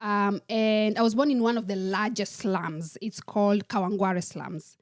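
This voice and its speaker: A woman from Kenya, a podcast guest telling her life story in a measured, reflective way. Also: medium pitch, fairly even intonation, dry recording, studio quality. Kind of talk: personal storytelling in a podcast interview.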